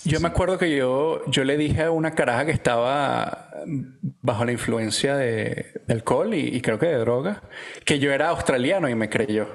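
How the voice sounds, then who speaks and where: A man, co-hosting a podcast, telling stories in a relaxed, slangy way with frequent restarts. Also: medium pitch, moderate pace, creaky. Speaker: podcast co-host. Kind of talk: casual chat.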